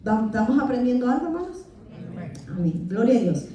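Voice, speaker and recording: A woman's voice: fairly high pitch, very animated, brisk, warm tone. A Salvadoran woman teaching a church Bible class, quizzing her listeners and answering with amen. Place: church hall. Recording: echoey church hall from far off.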